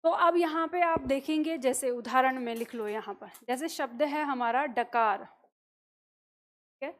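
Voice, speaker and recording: A woman's voice: sits high, a little slow. A woman teacher explaining a lesson patiently, step by step, checking in with the listener as she goes. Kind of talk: classroom explanation.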